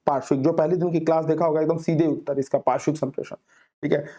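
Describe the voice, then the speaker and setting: A man teaching an exam-prep class, explaining answers with homely examples and reading questions out slowly. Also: on the high side, flat delivery, dark tone. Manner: reads English questions out very slowly, then explains with everyday examples. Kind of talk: Hindi lecture solving exam questions.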